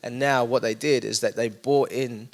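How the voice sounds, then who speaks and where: A man's voice: mid-range voice, moderate pace. A man with an East London accent, a young adults pastor talking casually in an interview, telling stories with energy and lots of fillers. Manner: energetic, animated storytelling with many fillers.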